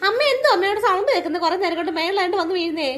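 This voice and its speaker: A woman voicing an excitable, easily frightened mother in a cartoon. She exclaims in shrill, rapid bursts. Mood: uneasy. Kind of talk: cartoon voice acting.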